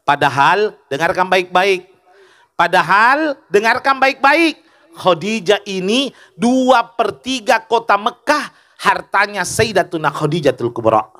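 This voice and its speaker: A man's voice: sits high, big pitch swings, a little slow, a bit bright. A male preacher giving a humorous sermon, joking with the audience and asking them questions.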